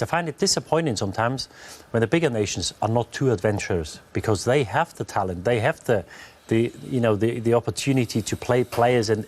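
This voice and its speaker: A man's voice: medium pitch, a little mellow. Man talking football analysis, many fillers. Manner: measured, thinking aloud with many fillers and restarts. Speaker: football pundit. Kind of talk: post-match analysis.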